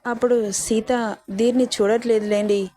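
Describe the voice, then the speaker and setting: A woman's voice: on the high side, steady tone, normal speed, dark tone. A woman narrating a scripted story and reading all the characters' lines in her own voice. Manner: reads every character herself without changing voice.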